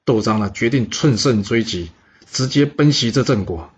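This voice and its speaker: A man telling a historical story with lively, dramatic narration, in a husky voice on a dull recording. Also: mid-range voice, normal speed.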